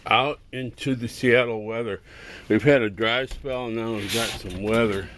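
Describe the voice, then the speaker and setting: A middle-aged man casually showing off toys and crafts in his home workshop, filming by hand and rambling with halting asides. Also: mid-range voice, fairly even intonation. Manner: rambling, halting, self-amused. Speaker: toy customizer vlogger. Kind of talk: casual show-and-tell vlog. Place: cluttered home workshop and garage. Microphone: handheld camera, filming first-person. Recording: noisy home camera audio.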